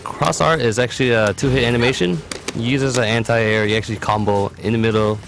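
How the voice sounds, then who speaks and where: In a fast, creaky voice of medium pitch, fairly bright and with fairly even intonation, a man narrates a video game character guide. As a competitive player, he keeps the tutorial casual and matter-of-fact, with game music playing under the voice-over.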